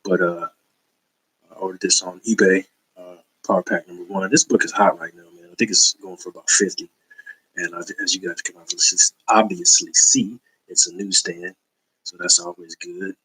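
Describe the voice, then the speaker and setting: A comic book collector shows off his haul in a casual video, laid-back and slangy, rambling with plenty of fillers. His deep voice is bright, forceful and husky, with fairly even intonation at a normal speed, and the recording is rough.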